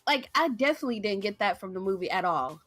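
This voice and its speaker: A woman co-hosting a podcast live over a video call, chatting casually and asking questions in an animated way. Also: medium pitch, quick pace, dry recording. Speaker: podcast co-host. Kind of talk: casual live-stream chat.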